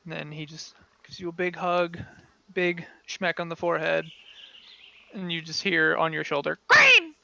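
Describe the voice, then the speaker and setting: Man, game master, tabletop narration, bright, slightly high, filler-heavy, muffled lo-fi recording, faint hiss. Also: moderate pace, gravelly. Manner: relaxed, descriptive, many fillers and hedges.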